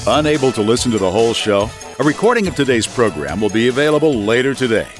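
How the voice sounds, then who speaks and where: Man's pre-recorded radio spot, lively, over music. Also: medium pitch, fast. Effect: pre-recorded radio spot played on air. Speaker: station announcer. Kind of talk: pre-recorded station announcement. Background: music bed.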